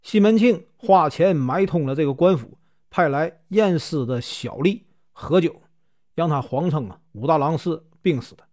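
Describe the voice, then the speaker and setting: A man's voice: fairly high pitch, expressive, normal speed, darkish tone. A man from Northeast China with a Northeastern Mandarin accent, telling a classic tale in a chatty, casual way with many filler particles. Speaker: storyteller. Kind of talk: casual folk-tale narration.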